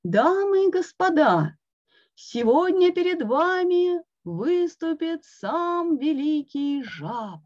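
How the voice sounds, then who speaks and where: A woman voicing a grand stage announcer who makes slow, drawn-out proclamations. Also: very high-pitched, big pitch swings, a little mellow, no room sound, pitched above the performer's own voice, exaggerated voice. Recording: dull lo-fi online call.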